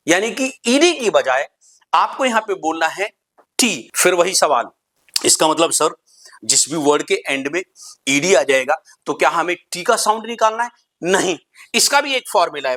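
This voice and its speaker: A man's voice: high voice, lively intonation, moderate pace, a bit bright. A man teaching English pronunciation in a lesson. He asks questions, answers them himself, and spells words out letter by letter. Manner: repeats rules for emphasis.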